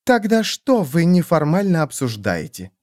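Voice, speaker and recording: A man's voice: a little high, wildly swooping pitch, moderate pace, darkish tone, dry recording, studio quality. A man voicing a haughty, jealous queen with a cold, cutting way of talking.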